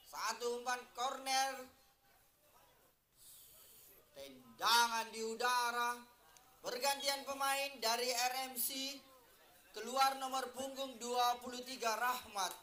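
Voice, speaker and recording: A man's voice: very high-pitched, pushed and bright, reverberant. A man giving live football commentary in short, separated phrases, like a stadium announcer.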